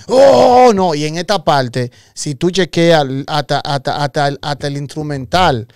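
Brief: man, fairly high smooth voice, teasing co-host reacting to rap. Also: normal speed, no room sound, clean studio sound. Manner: argumentative, playful, talks in slang. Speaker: podcast co-host. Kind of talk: casual music reaction chat.

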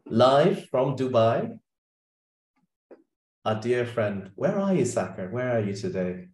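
A man's voice: medium pitch, very animated, takes it slowly, darkish tone, reverberant. A middle-aged man hosting a podcast over a video call, chatty and playful, with short backchannels. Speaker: podcast host. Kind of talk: casual video-call interview.

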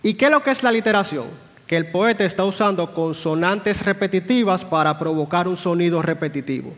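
A man's voice: sits high, fairly quick, a bit bright. A man teaching a Sunday school class in a church, explaining patiently and putting questions to the room. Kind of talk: church Bible class lecture. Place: church hall. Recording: long hall reverb.

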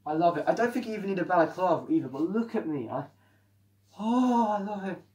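A man chatting excitedly through a helmet mask, reviewing the helmet in a casual vlog. He talks indoors at home. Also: sits high, fast talker, noisy background. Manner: chatty and excitable, with frequent restarts. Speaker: product reviewer.

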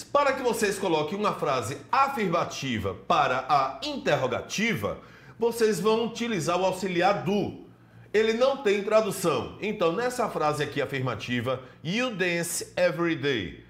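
A man's voice: fairly high pitch, a bit bright. A man teaching an English lesson in Portuguese with a Brazilian accent, explaining step by step and greeting students by name. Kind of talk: televised classroom lesson.

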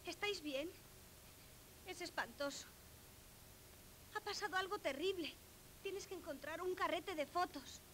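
Urgent youngster voiced by a woman, sharp very high voice, earnest dubbed film drama, slight soundtrack hiss. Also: a little slow, long pauses, low-quality recording. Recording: faintly hissy 1970s film soundtrack.

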